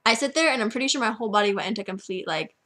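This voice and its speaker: A teenage girl tells a long story to a friend in a loose, rambling way. She keeps repeating "like" and slips into quoting what people said. Her voice sits in an ordinary middle pitch. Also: expressive, very fast, pushed and bright. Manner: chatty, constant "like" filler. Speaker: vlogger.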